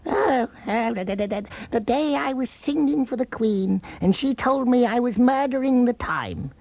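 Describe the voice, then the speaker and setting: A man voicing a fussy, muddled, excitable Mad Hatter for a children's storybook, stammering and repeating himself in a husky voice. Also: extremely high pitch, measured pace, dry recording, pitched above the performer's own voice, heavily acted. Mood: flustered, chattering. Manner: stammering, spluttering repetitions. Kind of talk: children's storybook character reading.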